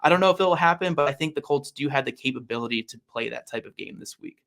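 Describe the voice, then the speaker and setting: A man's voice: medium pitch, expressive, fast, creaky, fairly bright tone. A man appearing as a guest on a sports podcast, making emphatic points about football and repeating them for weight. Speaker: guest analyst. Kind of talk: casual sports podcast chat.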